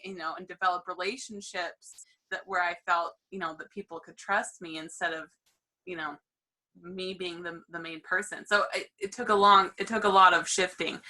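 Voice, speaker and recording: A woman's voice: on the low side, sharp tone, rough recording. A woman hosting a casual chat, talking in a candid, enthusiastic way. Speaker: host.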